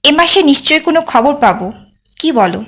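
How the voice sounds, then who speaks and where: A woman with a high, light voice reads a novel aloud as an audiobook narrator. Her delivery is measured and unhurried, in the manner of scripted literary narration. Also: animated, a bit bright.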